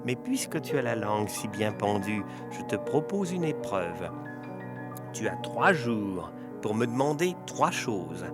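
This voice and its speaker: A man voicing a spiteful old female witch with a shrill, sour, nasty voice, reading a storybook tale. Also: sing-song, measured pace, loud music behind the voice. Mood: bossy. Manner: sneering, taunting.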